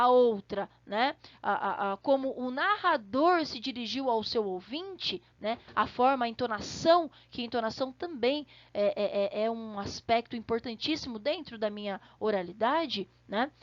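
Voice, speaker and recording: A woman's voice: fairly high pitch, dry recording, dull audio. A woman teacher giving an online lesson, explaining step by step and often checking in with the class. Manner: explanatory, checks in with frequent tag questions.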